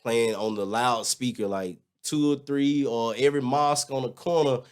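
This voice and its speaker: A man in his thirties chatting casually as a guest, telling animated stories full of restarts and filler words. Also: medium pitch, moderate pace, clean tone. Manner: animated storytelling, lots of "like" and restarts. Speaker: guest, former teacher abroad. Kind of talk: casual chat.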